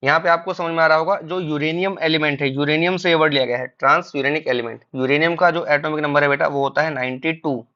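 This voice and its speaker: A male chemistry teacher lectures with a bright, forceful voice that sits a bit high. He calls his students "beta" and puts a question to them before answering it himself. The recording is somewhat dull and lo-fi. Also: steady tone, fast, few pauses. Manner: mixes Hindi with English terms. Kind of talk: classroom lecture.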